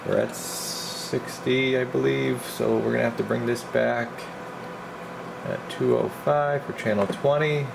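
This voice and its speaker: A radio repair technician at an indoor electronics workbench mutters through a hands-on demonstration, casually thinking aloud step by informal step. His mid-range voice is steady and measured, with vocal fry, against a noisy background.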